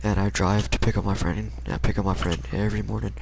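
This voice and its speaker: A young adult American man speaks in a low, fry-heavy voice with a level tone. He relates an everyday story casually, rambling through slangy, hesitant fragments. Faint noise sits in the background.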